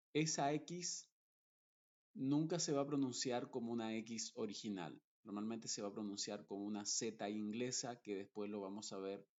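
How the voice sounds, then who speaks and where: A man teaching pronunciation, speaking deliberately and repeating example words carefully, one at a time. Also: lowish voice, a little mellow, muffled recording. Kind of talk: slow, deliberate pronunciation lesson.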